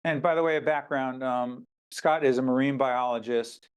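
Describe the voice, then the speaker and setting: This is a Newark, New Jersey native hosting an interview with an author, his mid-range voice clean and steady at a normal speed. He is emphatic, interjects often, and steers the conversation.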